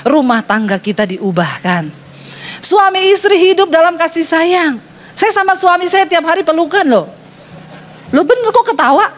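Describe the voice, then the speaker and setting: A woman pastor preaching a sermon with a lively storytelling manner, teasing her congregation. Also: a little high.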